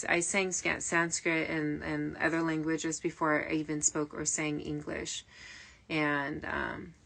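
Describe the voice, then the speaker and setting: A woman with a low-pitched, sharp-toned voice and vocal fry talks as a spiritual medium on a late-night stream. She rambles and digresses, full of fillers and restarts. Faint early nineties music plays behind her.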